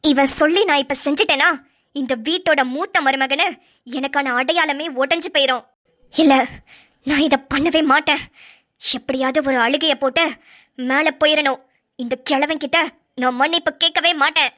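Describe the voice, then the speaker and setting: Sly scheming young bride. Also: female voice, steady tone, moderate pace, sharp tone. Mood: scornful scheming. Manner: fake sobbing in a high voice. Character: scheming newlywed young woman, spiteful and sly. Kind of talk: cartoon voice acting.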